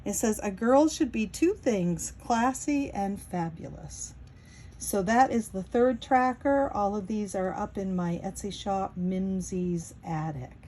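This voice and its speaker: A woman in her sixties with a New England accent sits at a wooden table at home, chatting casually to camera with lots of fillers. She is a vlogger and Etsy seller, and her mid-range voice is slow and warm, with slight background noise.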